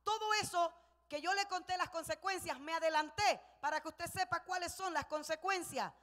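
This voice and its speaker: A woman pastor preaching a sermon, telling the story with passion and rising to shouts. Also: very high voice, moderate pace. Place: church sanctuary. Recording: long church hall reverb.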